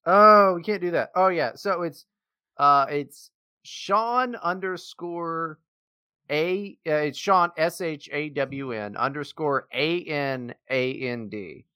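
A young man co-hosting a podcast, chatting casually, swearing freely and joking in an animated way. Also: a little high, smooth, no echo, studio quality. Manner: animated, swearing, quick to joke. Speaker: podcast co-host. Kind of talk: casual profane chat.

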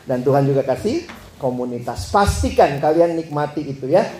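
A man delivers a lighthearted youth sermon, slipping into quick impressions and jokey asides. His voice sits a bit high for a man yet sounds warm and mellow. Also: lively intonation, slight background noise. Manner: jokey, acts out quoted voices, chatty asides. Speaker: preacher. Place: church hall with audience.

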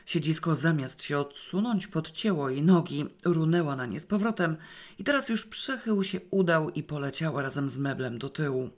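A woman reading a first-person novel aloud in a wry, lively storytelling manner. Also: sits low, normal speed. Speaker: audiobook reader. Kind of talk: first-person literary narration.

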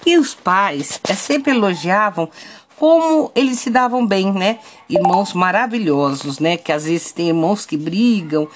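A woman with a Brazilian Portuguese accent tells a family story casually and without hurry. She keeps checking in with her listener through tag questions, and her voice sits at a middle pitch. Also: lively intonation. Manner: unhurried, keeps adding "né?" tags.

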